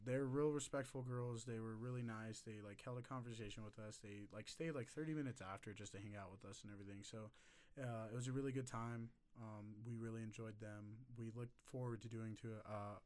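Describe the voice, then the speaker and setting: A man's voice: on the low side, fairly even intonation, brisk, darkish tone. Young frat bro guy chatting casually. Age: young adult. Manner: frat bro slang, swearing, laid-back rambling. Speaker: podcast host. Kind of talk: casual chat.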